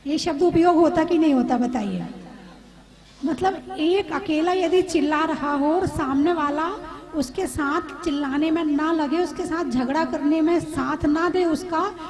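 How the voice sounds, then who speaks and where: A woman's voice: high voice, unhurried. A woman preacher giving a sermon to a seated audience, repeating her points and asking listeners questions. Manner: repetitive, asks the audience questions. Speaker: Jain preacher. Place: live gathering with seated audience.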